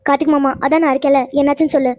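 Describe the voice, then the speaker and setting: A soft, tender young cartoon woman, as a woman puts her on. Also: sits high, little pitch movement, very fast, pitched below the performer's own voice, lightly acted. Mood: tender worry. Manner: soft, musing, affectionate. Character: gentle young woman, fond and worried. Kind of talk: cartoon voice acting.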